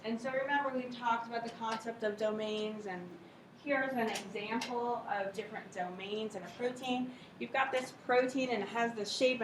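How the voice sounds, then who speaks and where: A woman's voice: fairly high pitch, fairly bright tone. A woman professor giving an informal, conversational lecture in a lecture hall, checking in with her students. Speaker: university lecturer. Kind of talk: classroom lecture on cell biology with questions to students. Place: lecture hall or classroom, recorded from some way off. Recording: roomy echo, distant mic, faint noise.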